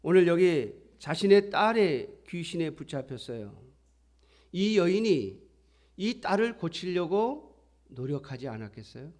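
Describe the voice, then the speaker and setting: A middle-aged pastor delivers a sermon in a relaxed, conversational way. His voice sits a little high for a man. Now and then he slips into acting out the voices he quotes. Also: measured pace.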